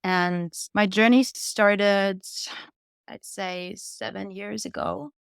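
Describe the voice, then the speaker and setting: Taking it slowly, a woman speaks at medium pitch with fairly even intonation and a clear, resonant tone that has some creak. She's a singer-songwriter in her twenties from Vienna whose native language is German, earnestly and candidly telling her story as a podcast guest. The recording is dry, with clean studio sound.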